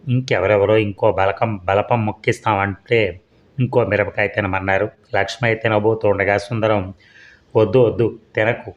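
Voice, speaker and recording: A male storyteller reads a serial story at a steady, measured pace. His voice sits on the low side. The audio is dull and lo-fi.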